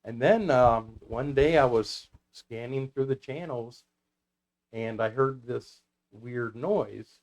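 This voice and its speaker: The founder of a CB radio club, an American man, is a guest in an interview, swapping stories in a relaxed, anecdotal way. He talks slowly in a mid-range, somewhat dark voice, captured on poor audio.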